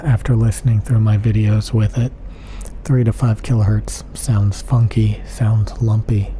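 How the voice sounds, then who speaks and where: An audio gear reviewer with a lowish voice delivers a casual monologue straight into a close-up studio condenser mic in a quiet home recording room. He's emphatic and repetitive, piling up long strings of adjectives and sometimes dropping to a whisper. Slight background noise is present.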